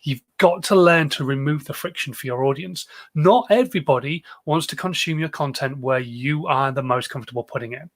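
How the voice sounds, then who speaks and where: A man's voice: on the high side, fairly quick, few pauses. A British man giving casual livestream advice as a social media coach, emphatic, with repeated phrases and rhetorical questions.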